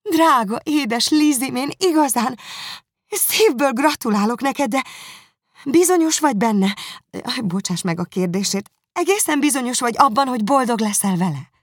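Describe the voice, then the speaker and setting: A woman doing a gentle, earnest young sister. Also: on the high side, animated, dry recording, clean studio sound, voice pushed up. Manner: earnest, incredulous, warm. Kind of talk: audiobook character voice.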